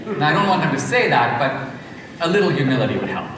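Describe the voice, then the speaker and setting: A man's voice: a little high, very animated, fast talker, background noise. A man from India speaking in an emphatic lecture style, counting off his points and asking rhetorical questions. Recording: echoey hall, far from mic.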